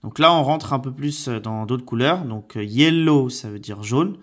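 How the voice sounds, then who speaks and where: A man teaching vocabulary from slides, hesitant with many fillers, repeating words slowly and carefully. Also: medium pitch, a bit bright. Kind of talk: slide-based vocabulary lesson.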